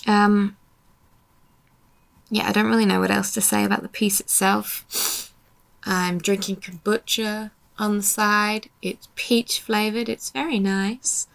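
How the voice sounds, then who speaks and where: Tired woman, creaky voice. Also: mid-range voice, level tone, measured pace, a bit bright. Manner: tired, yawning, self-deprecating grumbles. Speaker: artist narrating her painting. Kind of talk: casual voiceover.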